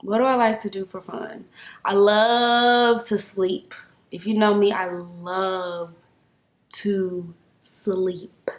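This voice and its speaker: Slangy young woman vlogger, echoey room. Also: unhurried. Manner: animated, slangy, acts out quotes in high voices. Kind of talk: casual storytelling to camera.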